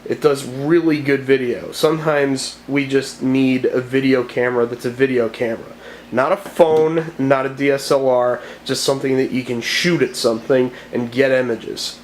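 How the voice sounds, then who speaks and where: A man's voice: mid-range voice, steady tone, normal speed, slight background noise. Rambling man vlogging to camera. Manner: rambling, with fillers and restarts. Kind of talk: casual talking-to-camera vlog.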